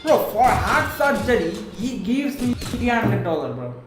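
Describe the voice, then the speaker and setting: A man's voice: sits high, sing-song, unhurried, music in the background. A young man streaming live, talking to strangers in a playful, teasing way with mumbled asides. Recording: very echoey room, faint noise.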